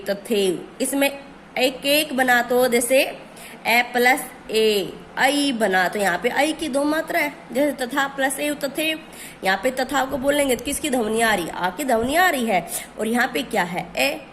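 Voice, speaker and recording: Woman teacher, fairly high voice, asks and answers her own questions, drawn-out key words, faint background hiss. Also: a bit bright. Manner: asks questions then answers them herself. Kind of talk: grammar lesson.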